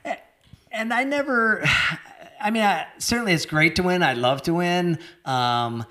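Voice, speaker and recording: Older man, animated storyteller, lively pitch, easygoing interview talk. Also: a little slow. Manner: animated storyteller, voices quoted people, laughs often. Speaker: interview guest, former marathon runner.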